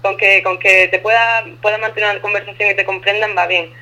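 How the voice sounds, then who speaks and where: A woman's voice: mid-range voice, level tone, fairly quick, pushed and bright, highs cut off. A woman from southern Spain with a lisping Andalusian accent that drops letters, chatting colloquially as an interview guest over a remote call. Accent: Andalusian, from Ubrique. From Ubrique, Andalusia, Spain. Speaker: interview guest living abroad. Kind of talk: casual phone interview.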